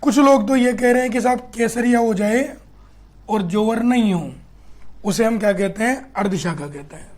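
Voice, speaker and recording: Male teacher, Rajasthani accent, high voice, chatty and teasing, live online class. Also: moderate pace. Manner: chatty teasing teacher, quizzes students and rhetorical questions. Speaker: history teacher. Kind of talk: live online class reading student comments.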